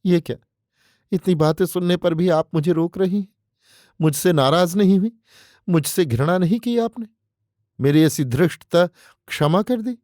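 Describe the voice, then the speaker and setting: A man's voice: a little high, fairly even intonation, measured pace, darkish tone, no echo, studio quality, natural voice. A man voicing a pleading, flowery young suitor. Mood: impassioned. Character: scheming young man confessing passionate devotion. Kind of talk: audiobook character reading.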